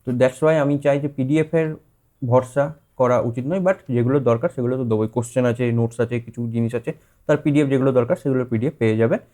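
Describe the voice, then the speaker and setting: A man's voice: medium pitch, fast talker, mellow. A male teacher speaking Bengali-accented English loanwords in a casual explanatory talk, rephrasing often and checking in with his students. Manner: conversational, many fillers and rephrasings, checks in with students. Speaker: teacher introducing a course.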